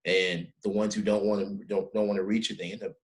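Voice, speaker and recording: A man's voice: lowish voice, level tone, fast, poor audio. A middle-aged man hosting a podcast, chatting casually and emphatically with his guest, often tossing in "man". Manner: emphatic, peppers speech with "man". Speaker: podcast host. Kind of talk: casual interview chat.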